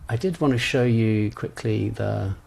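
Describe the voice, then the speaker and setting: Leading an exam prep lesson online, this man coaches trainers in a casual, conversational way, frequently pausing to think aloud. He speaks at a measured pace in a fairly low, creaky, darkish voice.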